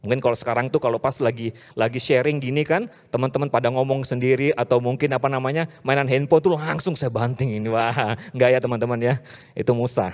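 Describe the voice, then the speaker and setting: A man with an Indonesian accent preaching a casual youth sermon, swinging from loud hype to low, earnest talk. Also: steady tone, quick pace. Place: church hall. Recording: reverberant church hall.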